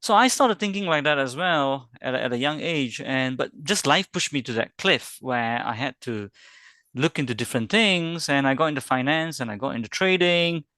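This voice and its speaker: A man's voice: medium pitch, animated, normal speed, pushed and bright, dry recording. A man in his forties from Singapore, a company founder, chatting as a webinar guest and laughing through his stories. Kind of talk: casual interview chat.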